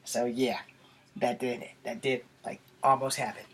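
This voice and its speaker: In a small bedroom, an American YouTube vlogger in his forties chats to camera in a rambling, casual way. His mid-range voice has a level tone, a breathy edge, and normal speed, captured by a camera a few feet away in a noisy home recording with clicks.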